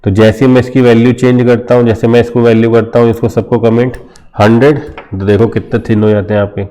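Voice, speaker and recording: A man with an Indian accent talks through a screen-recorded coding lesson at an ordinary pitch. His voice is dark and mellow, and his manner is loose and chatty, full of little "okay, friends" check-ins. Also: little pitch movement, quick pace. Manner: informal, addresses viewers as friends, frequent "theek hai" fillers. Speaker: coding tutor.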